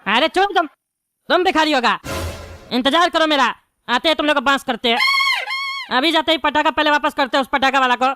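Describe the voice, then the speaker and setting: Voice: sits high, wildly swooping pitch, brisk, pauses often, heavy background noise. A voice actor playing a bald, hot-tempered male politician in a cartoon, given to angry, threatening rants. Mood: ranting. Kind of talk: cartoon voice acting.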